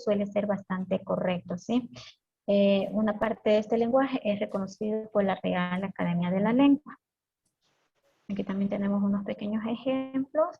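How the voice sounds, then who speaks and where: A woman's voice: a little high, a little mellow, slightly rough. A woman teacher giving a live online class, explaining steadily and checking in with her students often. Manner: checks in with frequent "¿sí?". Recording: dull lo-fi stream audio.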